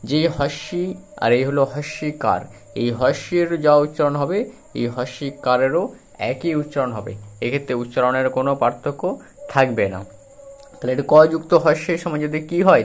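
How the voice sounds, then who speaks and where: A man teaching a children's reading lesson, spelling out words syllable by syllable in a slow, drawn-out way. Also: fairly high pitch, darkish tone, slight background noise.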